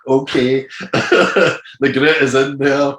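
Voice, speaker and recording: Gravelly sixty-something singer, roomy. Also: male voice, medium pitch, flat delivery, slow, fairly bright tone. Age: 60s. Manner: rambling, full of "you know", laughs easily. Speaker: guest singer. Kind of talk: casual interview chat.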